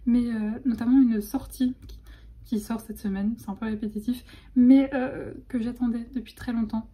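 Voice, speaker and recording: A young woman chatting excitedly in a casual vlog, full of fillers and restarts. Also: fairly high pitch, normal speed. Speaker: vlogger.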